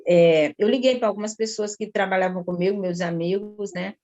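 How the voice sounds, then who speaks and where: A talkative woman from São Luís, Brazil, giving an earnest personal testimony to a pastor at a slow, lingering pace. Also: mid-range voice, dark tone, dull audio.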